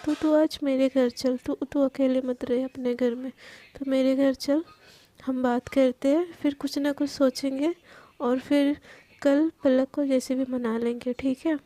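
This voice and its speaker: A woman voicing Abhi, a calm young man soothing and reasoning with his friend. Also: high voice, unhurried.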